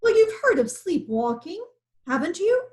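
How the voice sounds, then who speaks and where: A woman voicing a clever male hornbill bird in a storybook reading, explaining things in a calm, innocent way. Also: extremely high pitch, a little slow, pitched above the performer's own voice, exaggerated voice. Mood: sly. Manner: matter-of-fact, innocently explaining.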